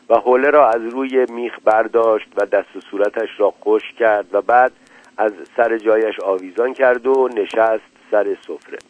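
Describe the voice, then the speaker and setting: A man calmly reading a short story aloud as narrator, in a measured way. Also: on the low side, no echo. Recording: tinny dry lo-fi radio recording.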